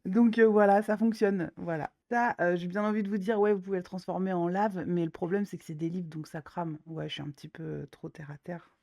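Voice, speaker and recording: Chatty woman, dark mellow voice. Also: fairly low pitch, steady tone, fairly quick, vocal fry, hardly any pauses. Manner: chatty, many fillers, slangy and self-mocking. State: slightly nasal from a cold. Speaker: coloring YouTuber. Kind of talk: casual chat leafing through coloring books.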